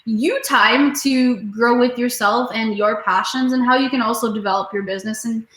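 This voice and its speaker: A young woman in her twenties speaks with a high voice. She talks about teaching in an earnest, motivational way, with plenty of fillers. Her voice carries a roomy echo. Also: fairly even intonation, normal speed, a bit bright. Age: 20s. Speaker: music teacher and studio owner, interview guest. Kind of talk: casual video interview.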